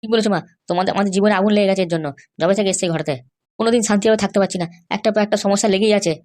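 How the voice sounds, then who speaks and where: A woman voicing a hot-tempered young husband in a cartoon, threatening and shouting insults. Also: mid-range voice, racing, natural voice. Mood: resentful. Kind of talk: cartoon voice acting.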